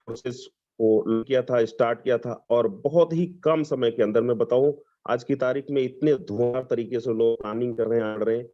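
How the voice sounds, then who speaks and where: A man from Lucknow, giving an enthusiastic sales pitch on a video call and mixing in English phrases. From Lucknow, Uttar Pradesh, India. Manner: enthusiastic, persuasive, mixes English phrases, repeats "dost". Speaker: webinar presenter. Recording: dull lo-fi video call audio.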